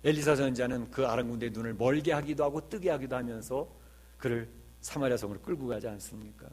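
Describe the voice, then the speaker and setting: A man's voice: mid-range voice, quick pace, a little mellow, breathy edge. A male pastor preaching a sermon in an earnest way, with emphatic swells and rhetorical questions.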